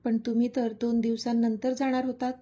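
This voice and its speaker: A woman reading the lines of an emotional, shy young heroine in a love story, in a gentle, pleading way. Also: on the high side, little pitch movement, a little fast, lightly acted.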